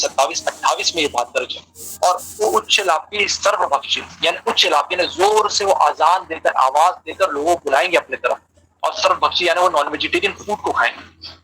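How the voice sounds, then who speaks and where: On an online call, a man with a slightly high, sharp voice gives a religious lecture, answering questions, explaining and translating key terms as he goes, and repeating phrases for emphasis. The audio is poor, with a little hiss or hum.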